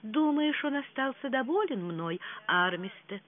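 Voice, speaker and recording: A reader voicing a lovestruck young actress who gushes in breathy, rapturous exclamations, from an audiobook. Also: high-pitched, expressive, measured pace, pitched above the performer's own voice. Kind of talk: audiobook reading. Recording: tinny phone-like sound.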